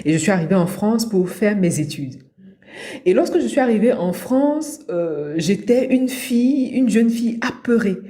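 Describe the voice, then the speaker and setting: This motivational coaching talk comes from a middle-aged personal development coach and podcast host from Abidjan, Ivory Coast. Her mid-range voice is animated with a dark tone and a moderate pace, and she teaches didactically, restating key points for emphasis.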